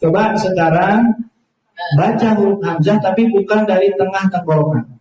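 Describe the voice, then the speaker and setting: Man teaching in a booming echoey hall. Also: moderate pace, a little mellow. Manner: patient, asks the class questions and models Arabic sounds. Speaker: Quran teacher. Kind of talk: Quran recitation lesson to adults. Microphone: far from the mic. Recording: very echoey, distant hall recording.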